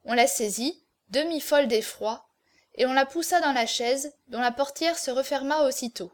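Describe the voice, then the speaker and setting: A woman narrating a classic adventure novel as an audiobook. Her reading is steady and even, in a high voice. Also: normal speed.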